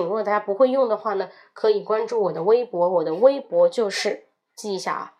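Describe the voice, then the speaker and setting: A young woman hosts an audio English lesson. She says each English phrase several times, slowly and with emphasis, then explains it in Mandarin. Her voice sits at an ordinary middle pitch. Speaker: English teacher.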